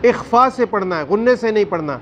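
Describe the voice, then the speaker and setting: A man teaching a Quran recitation class, firm and questioning, drawing out recited words slowly. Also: high voice, expressive, fairly bright tone, muffled recording, a little hiss or hum. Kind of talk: classroom tajweed lesson.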